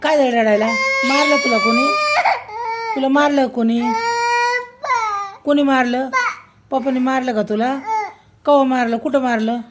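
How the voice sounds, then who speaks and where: A high-voiced mother scolds her child at home, firm and insistent as she keeps repeating the same questions. The recording carries a clear layer of background noise. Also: steady tone, a little slow, pauses often.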